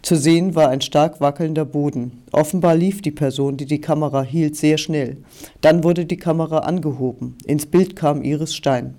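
A man reading a story aloud as an audiobook narrator in a steady, even manner. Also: on the high side, normal speed. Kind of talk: scripted narration.

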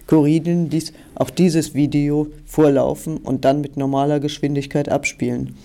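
A man reading a story aloud as an audiobook narrator in a steady, even manner. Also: fairly high pitch, moderate pace, gravelly. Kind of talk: scripted narration.

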